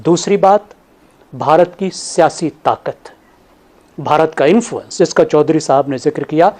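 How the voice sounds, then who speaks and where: A man on a TV panel, laying out his analysis point by point in a measured way. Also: a little high, darkish tone. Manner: measured, listing points in order.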